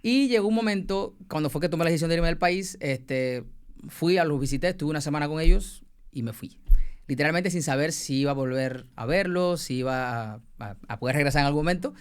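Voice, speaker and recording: A young man from Cuba with a Cuban accent, a former teacher telling his migration story with hesitant pauses. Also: fairly high pitch, clean tone. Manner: hesitant, many fillers and pauses. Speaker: guest, former biology teacher.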